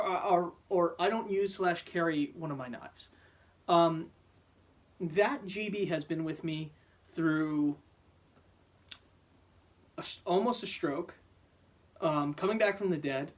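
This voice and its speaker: An angry man ranting straight to his audience. He swears constantly and stumbles through restarts as his temper runs hot. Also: high voice. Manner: profane, heated, stammering restarts. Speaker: vlogger. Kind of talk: angry rant to camera.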